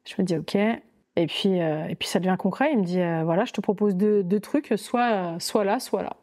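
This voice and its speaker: A young woman telling her own dating story as a podcast guest, in a lively, chatty way with many fillers and quoted thoughts. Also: mid-range voice, normal speed.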